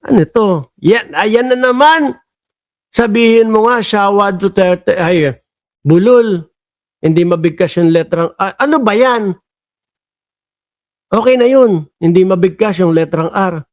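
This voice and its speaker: A man's voice: high-pitched, measured pace, long pauses. A man vlogging casual political commentary, mocking and chatty, calling out to his viewers as bosses and countrymen.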